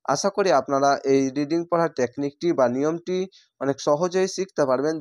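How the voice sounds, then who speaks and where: A man with a Bangladeshi Bengali accent teaching spelled-out Quran reading, drawing words out slowly between explanations. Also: a little high, dry recording, studio quality. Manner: slow drawn-out recitation of words between explanations.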